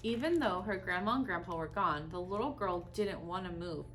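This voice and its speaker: A woman reading a children's story aloud expressively, with deliberate pauses and dramatic emphasis. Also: fairly low pitch, a bit bright, slight background noise.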